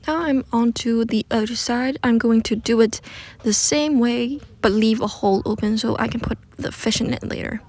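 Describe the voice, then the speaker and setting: A craft video creator speaks at normal speed in a somewhat mellow, high-leaning voice, with no room sound. Recording under a blanket for a close, muffled feel, she casually narrates her DIY project and teases herself along the way.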